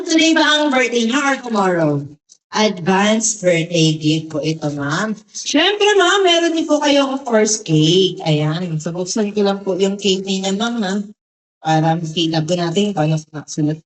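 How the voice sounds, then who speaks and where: A woman's voice: mid-range voice, poor audio. A woman hosting a surprise gift delivery who talks very politely, putting "ma'am" at the end of nearly every phrase.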